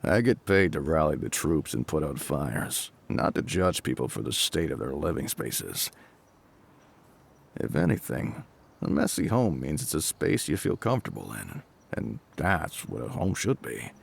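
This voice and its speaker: In an intimate audio roleplay, a male actor gives a full character voice as a kindly, gruff middle-aged fire captain, speaking close and reassuringly in a kindly, wry mood. His very deep voice is husky and heavily gravelled, unhurried, with lively rises and falls. He sometimes turns a little awkward and hesitant but stays protective.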